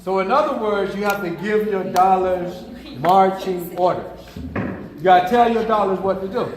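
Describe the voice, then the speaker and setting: A man's voice: sits high, moderate pace. A man with a Southern US accent giving a playful, joking talk to a young audience about money, quizzing them as he goes. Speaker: speaker teaching kids about money. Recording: echoey hall with audience chatter.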